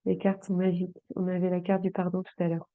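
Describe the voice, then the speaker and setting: A woman reading tarot cards for her viewers, talking slowly and hesitantly with many fillers, addressing the listener directly. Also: fairly low pitch, monotone, dry recording. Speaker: tarot card reader. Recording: dry, phone-like sound.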